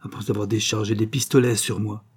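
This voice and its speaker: A man's voice: fairly low pitch, level tone, a little fast, breathy edge. A man reading as a grim loyal Breton peasant. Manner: terse, urgent replies.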